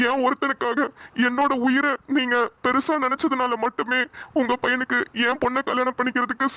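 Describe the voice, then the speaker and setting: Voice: medium pitch, bright, forceful tone, no room sound. A performer voicing a humble, grateful older father who speaks with earnest pleading in a cartoon. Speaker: bride's father. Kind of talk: cartoon voice acting.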